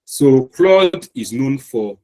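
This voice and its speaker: A man's voice: mid-range voice, expressive, takes it slowly, darkish tone, rough recording. A man with a Nigerian accent teaching an online class, explaining step by step with fillers and restarts. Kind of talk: live online lecture. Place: online meeting call.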